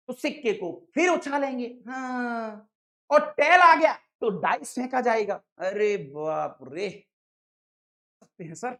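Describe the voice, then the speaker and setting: In a high-pitched female voice, this online maths teacher walks exam students through probability, keeping the lecture lively and playful and addressing them as sir and dada.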